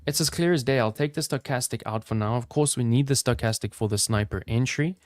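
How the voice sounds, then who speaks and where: Hosting a crypto trading livestream, this upbeat, talkative South African speaks directly to the people in chat in casual commentary. His accent leans somewhat American, his voice sits in the mid-range, and the recording is clean studio audio with no echo.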